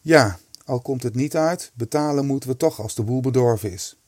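A plucky, excitable boy, as a man puts him on for a storybook. The voice sits well above his own speaking pitch and pushes loud. The sound is dry and close. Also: fairly quick, dry recording. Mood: resolute.

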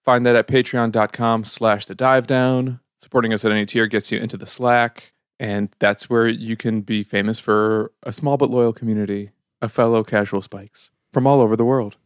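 A man hosting a casual podcast, upbeat, reading patron shout-outs and plugs before card talk. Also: mid-range voice, steady tone, normal speed, clean tone, no echo, clean studio sound. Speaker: podcast host.

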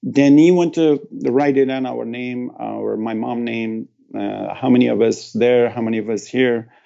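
A middle-aged man from Afghanistan recounts a personal story in an interview, speaking haltingly with broken phrasing and emotional pauses. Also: mid-range voice, fairly even intonation, vocal fry, dark tone, highs cut off. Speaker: guest.

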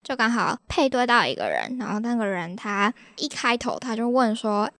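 Lively Taiwanese woman podcast host. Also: fairly high pitch, normal speed, no echo, clean studio sound. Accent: Taiwanese Mandarin. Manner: chatty, exasperated, laughs at her own stories. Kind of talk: casual podcast storytelling.

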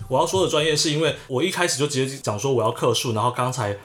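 A man's voice: mid-range voice, very fast, faint music behind. A man, co-hosting a casual podcast and animatedly recounting a story. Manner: animated storyteller, acts out the people in his story. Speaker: podcast co-host.

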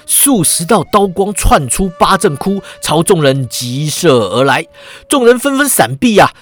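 A man's voice: high voice, no echo. A man narrating a serialized martial-arts story with a dramatic telling.

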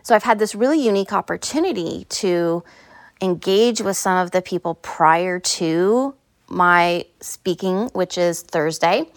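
A woman's voice: on the low side, unhurried, dry recording. A woman hosting a solo podcast in a casual, conversational way, recorded on a phone inside a small closet. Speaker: podcast host. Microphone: phone, no headphones.

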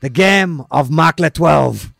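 A man putting on a gravelly, pompous ex-footballer. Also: a little high, slow pace, a bit bright, no echo, studio quality, pitched above the performer's own voice, full character voice. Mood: smug. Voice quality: gravelly, grandiose and crude. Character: pompous worldly French ex-footballer man, crude. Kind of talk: comic character phone bit.

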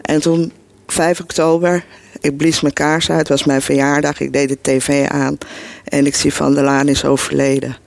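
A woman's voice: sits low, flat delivery, normal speed, creaky, darkish tone, no echo. A middle-aged woman telling her own life story to an audience in an earnest, emotional and blunt way. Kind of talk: personal storytelling before an audience.

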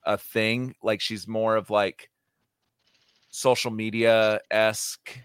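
A man's voice: on the low side, flat delivery, slow pace, clean tone, no echo. A man hosting a podcast, chatting casually and bluntly with cohosts, swearing freely and getting heated as he rants about a movie. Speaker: podcast host. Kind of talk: casual chat, movie review.

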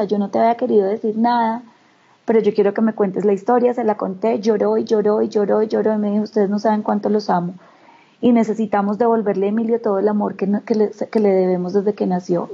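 A woman's voice: medium pitch, quick pace, dull audio. A woman from the Antioquia region of Colombia with a paisa accent, telling a personal family story as an interview guest and acting out what her relatives said. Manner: animated, acts out quoted relatives.

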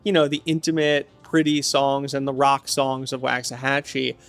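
A man's voice: mid-range voice, monotone, normal speed, fairly bright tone. Man, guest singer, casual chat, rambling, eager, faint music behind. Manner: rambling, enthusiastic, lots of fillers. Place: apartment.

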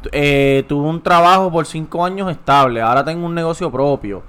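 A young man, co-hosting a podcast in casual chat, animated and emphatic, swearing often. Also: fairly high pitch, a little fast, clean tone. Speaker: podcast co-host.

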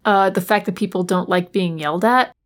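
Deadpan woman producer. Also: mid-range voice, a little fast. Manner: dry, deadpan retorts. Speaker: podcast producer. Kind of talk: comic scripted podcast.

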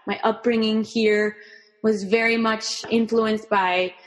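A woman with a fairly high, level voice speaks slowly in a large hall, and the audio is poor. She is a performing artist from Miami, Florida, US, who grew up with Spanish as her first language. As a guest in a casual interview, she talks thoughtfully about herself, restarting often and laughing warmly.

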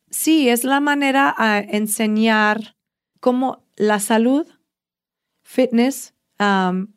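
Here is a woman fitness trainer being interviewed, and she tells her stories eagerly and with a lot of life. Her pitch sits at an ordinary middle level for a woman. She talks casually and chattily. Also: clear, resonant tone. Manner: enthusiastic, animated storyteller.

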